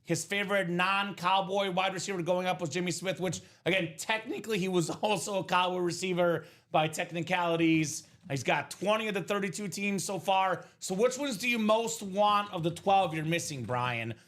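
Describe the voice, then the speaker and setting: A man's voice: high-pitched, normal speed, few pauses, a bit bright. A man in his thirties, originally from Bulgaria, hosting a live sports card break show with upbeat hype-style chat. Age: 30s. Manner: upbeat, hype-style, calls viewers brother. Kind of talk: live stream sales chat.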